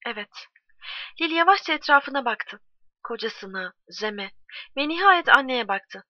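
A woman narrating a story in a steady, measured reading voice. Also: sits high, no room sound. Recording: dull, dry, lo-fi recording.

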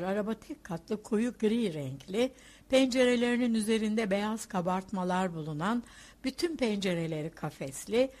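A woman narrating a literary audiobook in a measured, expressive reading voice. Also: mid-range voice. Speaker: audiobook reader.

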